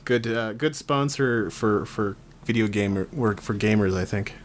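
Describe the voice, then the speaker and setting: A man from Canada hosting a casual group podcast chat on a call, chatty and quick to laugh as he steers the talk. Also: on the low side, fairly even intonation, slight background noise. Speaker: podcast host.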